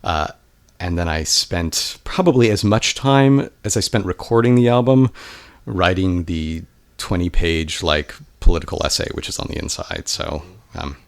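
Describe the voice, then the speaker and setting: A man, a musician guest in a casual interview, talking in a relaxed, rambling way with self-deprecating humor. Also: deep voice, normal speed, creaky. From California, United States.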